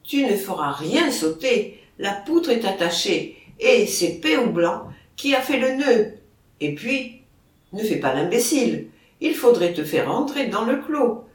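A reader voicing a proud, scornful male horse who mocks the herdsmen, in a slow, lively storybook reading. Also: mid-range voice. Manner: boastful, mocking. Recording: roomy, distant mic.

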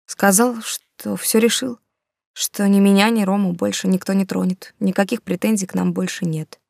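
A woman voicing a guilty young woman who speaks softly and haltingly, close to tears, apologizing as she leaves. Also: medium pitch, fairly even intonation, gravelly, no echo. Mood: apologetic, strained. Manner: soft, halting, apologetic, near whisper. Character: young woman, guilty, tearful, leaving her lover.

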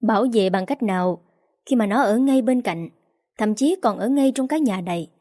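A woman's voice: medium pitch, expressive, moderate pace, warm tone, no room sound, studio quality, close to an everyday voice. A woman voicing an older husband and father, hissing with anger in a storybook reading. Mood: angry.

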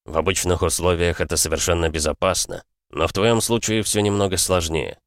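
Guy doing a deep calm noble dad, cold and patient, super dry close sound. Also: no echo. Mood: explaining. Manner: measured, patient, coldly matter-of-fact. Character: calm aristocratic father, older man, cold and reasoning. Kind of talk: audiobook character voice.

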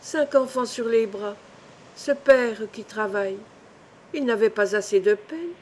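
A woman's voice: fairly high pitch, a little slow, a little hiss or hum, natural voice. Woman voicing Janie, an anxious fisherman's wife. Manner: trembling, fretful pleading. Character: fisherman's wife, anxious, guilt-ridden mother.

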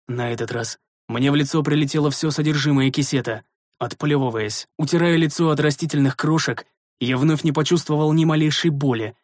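A man narrating a first-person fantasy audiobook in a measured, steady reading voice. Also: fairly high pitch, no room sound, clean studio sound.

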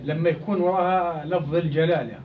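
A man answers quickly from across the room, finishing the teacher's sentences. He sounds far from the microphone, and the lo-fi recording carries faint background noise. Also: fairly high pitch, steady tone. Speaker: student in the class. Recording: distant lo-fi classroom mic with faint noise.

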